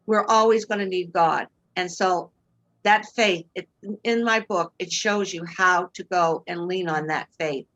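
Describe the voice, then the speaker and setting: A woman in her sixties with a Boston accent, speaking at a measured pace in a lowish, slightly bright voice, gives a personal testimony of earnest faith as an interview guest. She's on a video call from a room in her home, and the webcam audio sounds muffled.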